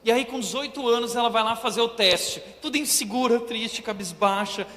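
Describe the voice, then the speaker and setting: A young Brazilian man preaching an animated, comedic sermon, acting out scenes, in a church auditorium. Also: very high-pitched, moderate pace. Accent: Brazilian Portuguese. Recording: reverberant church hall, faint noise.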